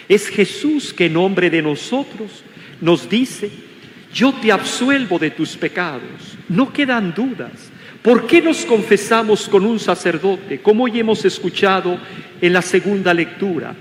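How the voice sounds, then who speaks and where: An older man with a Mexican accent preaches in a large cathedral, his voice high and ringing. The sound comes back echoey with a long, lingering reverb, and a faint hum sits underneath. He asks questions and has the congregation repeat his words after him. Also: fairly bright tone. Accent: Mexican Spanish. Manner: preaching with rhetorical questions and call-and-response. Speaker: bishop. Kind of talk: sermon.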